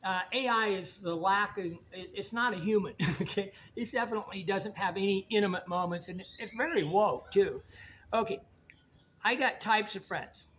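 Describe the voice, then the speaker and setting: A man's voice: sits high, normal speed, fairly bright tone, slight background noise. A middle-aged man from Indiana talking in a rambling, blunt, folksy monologue, often repeating words as he goes. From Indiana, United States. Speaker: vlogger. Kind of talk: casual monologue to camera.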